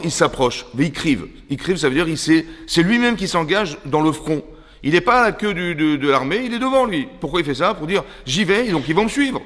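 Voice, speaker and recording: A man with a French accent giving a religious lesson to a women's class as a rabbi, animated and throwing rhetorical questions at his listeners. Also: fairly high pitch, long reverb tail. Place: seminary classroom.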